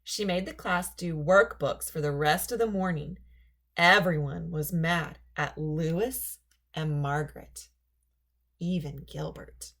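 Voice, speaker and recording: This is a deep-voiced woman reading to children, and her storytelling is both expressive and carefully paced.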